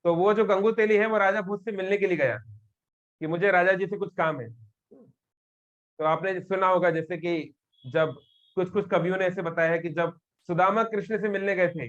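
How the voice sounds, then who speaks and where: A man's voice: high-pitched, highs cut off. A man giving a live devotional talk to young people, telling a scripture story and acting out the characters' lines. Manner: animated, acts out characters' quotes. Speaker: devotional speaker. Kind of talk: storytelling sermon to youth. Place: live session with audience.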